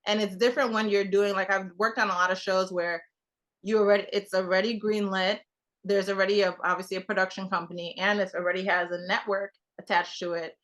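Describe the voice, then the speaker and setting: A woman's voice: mid-range voice, little pitch movement, fairly quick, fairly bright tone. A young woman from Trinidad, a television producer talking casually as a guest, full of fillers and restarts. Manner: rambling, many fillers and restarts. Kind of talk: casual conversation.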